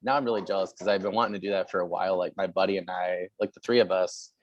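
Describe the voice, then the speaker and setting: A man's voice: sits low, steady tone, very fast, no room sound, muffled recording. A man hosting a podcast, talking eagerly in a casual chat with lots of "yeah" and "you know". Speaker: podcast host.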